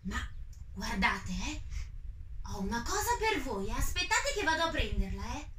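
Greedy male owl puppet voiced by a woman: high, bouncy, slow, heard from across a roomy space. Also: big pitch swings, fairly bright tone, recorded from a distance, slight background noise. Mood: playful. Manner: chatty, coaxing children, exclamatory. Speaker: puppet character for children.

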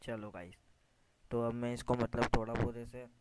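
Guy talking over his game footage, pretty monotone, chatty, lots of hiss behind him. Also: medium pitch, normal speed, rough recording. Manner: chatty, says "guys" constantly, mutters at mistakes. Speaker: gaming YouTuber. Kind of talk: casual gameplay commentary. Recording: screen recording with steady noise.

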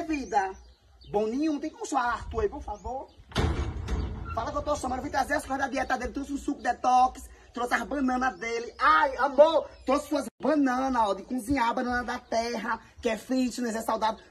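A man's voice: very high voice, a little hiss or hum. A man playing a doting wife who calls for her husband and scolds him about his diet, in a fussy, sing-song way, recorded on a phone.

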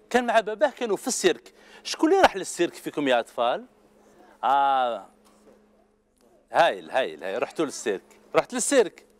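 A man with an Algerian accent, hosting a children's TV show and telling a story to the children in an expressive, animated way. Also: sits high. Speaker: children's TV host. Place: TV studio with children.

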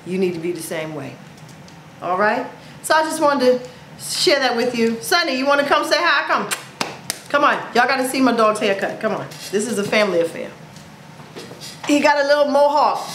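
This forties-aged vlogger, speaking to a camera in front of her at home against a plain wall, has a fairly high, animated voice at normal speed with long pauses. She's upbeat and playful, exclaiming a lot, while the room echoes and the background is noisy.

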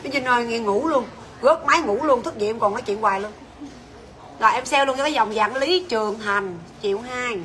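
Bright, high-voiced saleswoman. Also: a little fast. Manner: chatty, bossy and teasing, calls out prices and staff names. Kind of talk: livestream sales pitch.

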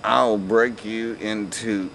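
A man's voice: on the low side, fairly even intonation, slow pace, vocal fry, a bit bright, a little hiss or hum, heavily acted, rough recording. A man voicing a proud Western sidekick who talks in short broken phrases, reading a comic musical script aloud. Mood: boastful.

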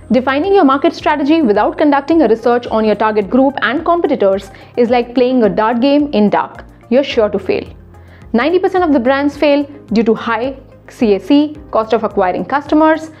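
Her voice sits high and has a darkish tone, though the audio is dull. She's a young retail consultant giving a scripted, instructive explainer to camera in a studio, brisk and emphatic, using her hands to make her points.

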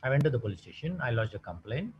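Speaking quickly in a mid-range voice, this man tells animated stories and fires off rhetorical questions during a motivational talk on health. Background noise runs under the dull, lo-fi recording.

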